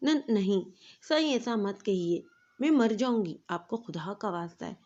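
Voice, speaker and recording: A woman's voice: medium pitch, animated, darkish tone, muffled recording, close to an everyday voice. A woman voicing a heartbroken young wife who begs through tears, in a storybook reading. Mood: pleading. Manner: tearful, begging.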